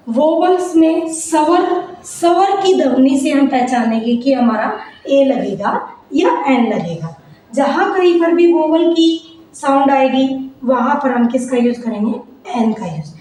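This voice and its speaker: Slow, high-voiced woman teacher. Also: expressive, mellow. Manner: slow, repeats questions and answers them herself. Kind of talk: classroom grammar lesson. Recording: very echoey room, faint noise.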